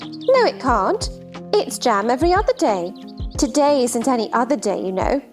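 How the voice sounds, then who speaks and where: A giddy, scatterbrained queen, pitched high and swooping all over. She is fussy and fluttery, helpless yet insistent, in theatrical storybook style. Faint music plays behind her. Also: sing-song, moderate pace. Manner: fluttery, nonsensical insistence, crying out. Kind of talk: theatrical children's storybook drama.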